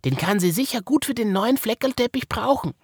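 A man voicing a lively, helpful female toy hare in a children's story, with an Austrian accent and squeaky excitement. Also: fairly quick, slightly rough, no room sound, clean studio sound, full character voice. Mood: excited.

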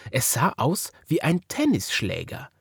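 A man with an Austrian accent narrating a children's story in a lively storytelling manner. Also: mid-range voice, a little slow, vocal fry, husky, no echo, studio quality. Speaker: podcast storyteller.

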